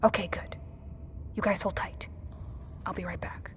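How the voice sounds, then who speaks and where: In an audio drama, a woman whispers as a tense, commanding survivor protecting her companions in a disaster, giving firm, clipped instructions. Her voice is medium-pitched with fairly even intonation and a slightly slow pace, lightly acted. The mood is hushed and careful.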